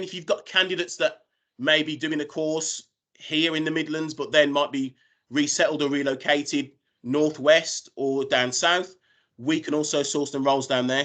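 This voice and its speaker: Presenting job opportunities on a video call, this British man keeps his business pitch informal. He is a recruiter whose voice is a little high and sharp in tone.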